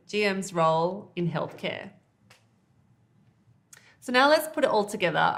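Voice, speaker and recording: An IELTS teacher with a middle-pitched, slightly bright voice leads an online exam-prep lesson. She walks the listener through reading techniques step by step, clearly, patiently and with emphasis.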